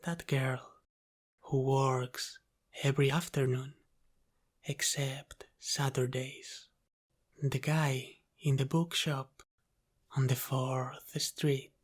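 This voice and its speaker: In an intimate ASMR roleplay, a man plays a teasing, protective Italian-American mafia boss, speaking softly and deliberately and slipping into whispers. His voice is medium-pitched with a flat delivery, and he sounds knowing and confident.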